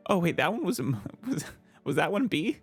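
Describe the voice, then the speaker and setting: A woman's voice: fairly low pitch, sing-song, moderate pace, husky, soft background music. A woman doing casual let's play commentary, musing aloud and reacting as she goes. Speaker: let's player.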